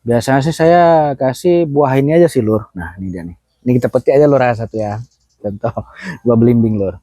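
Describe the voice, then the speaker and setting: Goat farmer man, casual outdoor vlog, mellow dark voice, dry close sound, chatty and relaxed. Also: medium pitch, fairly quick, no echo. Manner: relaxed and chatty, keeps tagging phrases with "Lur" and "ya kan".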